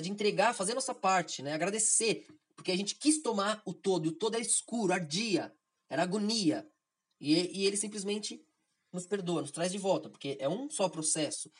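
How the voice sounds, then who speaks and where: A woman's voice: mid-range voice, breathy edge. A woman with a Brazilian accent giving an informal spiritual lesson, rambling and checking in with tag questions. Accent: Brazilian Portuguese. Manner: digressive, constantly adds "né?" tag questions. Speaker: spiritual teacher of an episode series.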